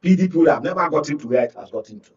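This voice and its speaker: A Nigerian political analyst, a guest on a talk show, speaks emphatically in a discussion and keeps checking that listeners follow. His fairly high voice races with lively intonation, and the studio recording sounds muffled and distant.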